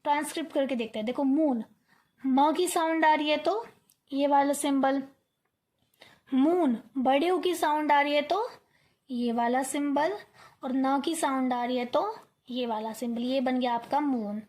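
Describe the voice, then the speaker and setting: A woman's voice: sits high, a little slow, long pauses, a little mellow. A young woman teaching an online lesson, coaxing her students, repeating words aloud to drill the sounds and checking in often. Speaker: English teacher.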